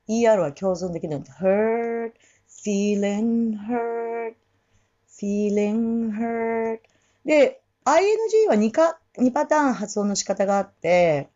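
A woman coaches English song pronunciation in a casual, explanatory way, breaking into slow sung English phrases to demonstrate. Her voice is mellow and warm, with a lively, swooping pitch. The recording sounds a little dull. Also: slightly rough. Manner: explains in Japanese, breaks off to sing and repeat English phrases slowly.

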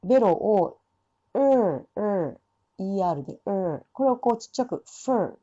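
Mellow-voiced woman teaching pronunciation. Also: medium pitch, lively intonation. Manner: demonstrates English sounds slowly between explanations. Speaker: English pronunciation teacher for singers. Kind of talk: relaxed spoken lesson. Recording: dull lo-fi sound.

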